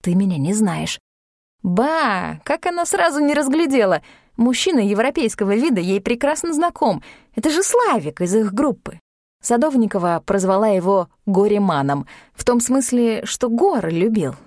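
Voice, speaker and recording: A woman narrating an audiobook in a lively, expressive reading. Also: on the high side, moderate pace, no room sound, clean studio sound. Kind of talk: scripted narration.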